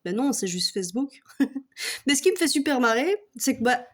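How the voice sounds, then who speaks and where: A Belgian woman vlogger with a Belgian French accent rants casually to camera in a high, sing-song voice at normal speed. Her comic rant is mocking, with frequent swearing and bursts of laughter.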